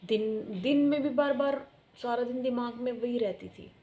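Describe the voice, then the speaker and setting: A woman's voice: on the high side, normal speed, warm tone. A young woman telling a personal story in a chatty, rambling vlog style, repeating herself for emphasis. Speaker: vlogger. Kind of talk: casual storytelling.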